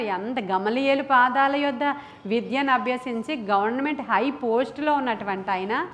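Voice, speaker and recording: A woman pastor preaches in a church, impassioned and emphatic, driving her points home with repeated phrases and rhetorical questions. Her voice sits fairly high, with a faint hiss behind it. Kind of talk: sermon.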